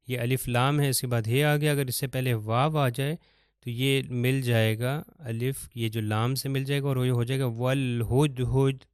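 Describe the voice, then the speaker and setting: Clear-voiced man teaching recitation. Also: medium pitch, darkish tone, dry recording, studio quality. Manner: explains patiently, slows to chant Arabic examples. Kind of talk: step-by-step recitation lesson.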